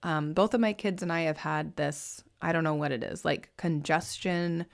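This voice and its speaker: A woman in her thirties hosting a podcast, talking gently and unhurried, slightly hoarse after a cold. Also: low-pitched, steady tone. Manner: soft, unhurried, reassuring. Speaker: podcast host and mentor.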